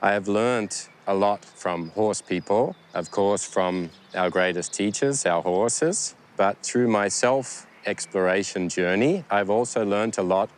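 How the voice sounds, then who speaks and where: A man's voice: lowish voice, a little slow, hardly any pauses. A man hosting a riding camp, speaking earnestly and reflectively to his riders about horses and self-improvement. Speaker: horse trainer and camp host. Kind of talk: addressing riders and camera.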